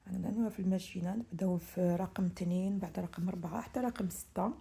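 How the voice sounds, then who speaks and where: A middle-aged woman with an Algerian Arabic accent, explaining a pastry recipe step by step in a soft, often half-whispered voice, dropping in French words. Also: lowish voice, steady tone, very fast, creaky. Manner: speaks softly, often half-whispering early in the morning; chatty, instructive, switches into French words. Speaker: home cook selling pastries to order. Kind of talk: cooking tutorial narration.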